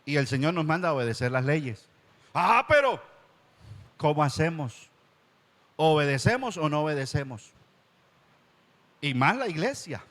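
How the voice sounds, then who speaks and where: Pastor preaching in an echoing church hall. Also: male voice, sing-song, unhurried, long pauses, a bit bright. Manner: acts out church members' objections in a higher whiny voice; repeats words for emphasis. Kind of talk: sermon.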